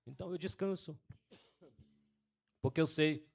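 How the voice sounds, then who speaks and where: A middle-aged pastor delivers a sermon in a fairly high-pitched voice. He keeps turning to his listeners with questions and swells into loud, urgent stretches of preaching. His speech stays in a conversational preaching rhythm. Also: measured pace, creaky. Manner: asks the congregation questions, adds "né?".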